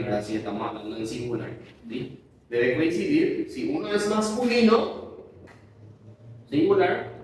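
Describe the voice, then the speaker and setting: A male teacher with a slightly high voice walks through a grammar lesson, checking in with his class again and again. He sounds set back from the mic in a very reverberant room. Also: a little mellow, a little hiss or hum. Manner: keeps checking understanding with tag questions. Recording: very echoey room, voice distant from mic.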